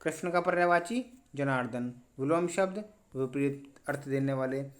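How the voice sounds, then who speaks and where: A man teaching an exam revision lesson, moving briskly through questions and often stressing what is important. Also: mid-range voice. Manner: brisk, repeats "important" and "ठीक है".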